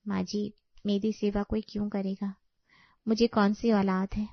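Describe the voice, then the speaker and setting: A woman voicing a gentle, humble young daughter-in-law who speaks softly in a cartoon. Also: medium pitch, flat delivery, unhurried, vocal fry, no room sound, lo-fi sound, pitched above the performer's own voice. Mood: meek soft. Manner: soft, humble.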